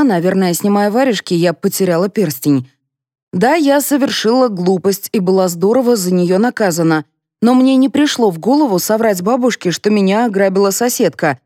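A woman narrating a first-person audiobook in an expressive, wry manner. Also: mid-range voice, no room sound, studio quality.

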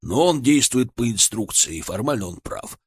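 A man voicing a stern senior surgeon who talks slowly and wearily, brushing off a request. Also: mid-range voice, animated, slightly rough, no room sound. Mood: dismissive.

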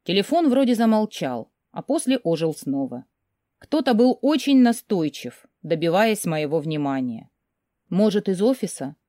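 A woman narrating a first-person novel in an emotional, expressive storytelling manner. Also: fairly low pitch, moderate pace, dry recording, studio quality. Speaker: audiobook narrator.

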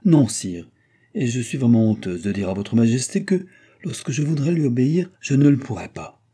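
A man's voice: mid-range voice, expressive, moderate pace, warm tone, breathy edge. A man reading aloud and voicing a pale, weary young countess who declines politely and with reserve. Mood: reserved.

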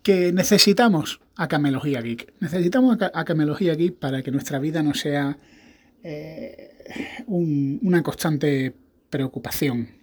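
A man's voice: on the high side, moderate pace, husky. A man hosting a podcast, talking in a rambling, casual monologue with frequent restarts. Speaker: podcast host; evangelical pastor.

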